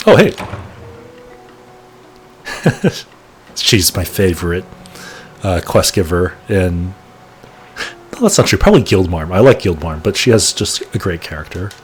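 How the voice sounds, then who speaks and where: A gaming channel host in his late thirties rambles through casual gameplay commentary, correcting himself as he plays. His low voice has a sing-song lilt, and he speaks unhurriedly with frequent pauses. Soft music plays in the background.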